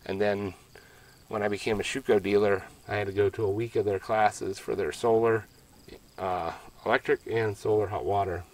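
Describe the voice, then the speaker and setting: A middle-aged Pennsylvania man with a fairly low, slightly mellow voice walks through his ground-mounted solar array in a rural field. He's a homestead solar vlogger giving a casual walkthrough, speaking at a moderate pace with fairly even intonation. His talk is plainspoken and rambling, and he corrects himself as he goes.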